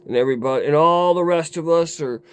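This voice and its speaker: A man telling a raw personal story to his camera in a rambling, profane way, dropping low and quiet, then flaring into heated outbursts. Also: fast, clean tone. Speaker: vlogger. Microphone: camera mic.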